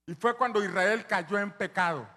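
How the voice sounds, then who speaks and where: A man preaching a sermon as pastor, telling the story with animated energy and building to shouts. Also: sits high, normal speed, big-room sound.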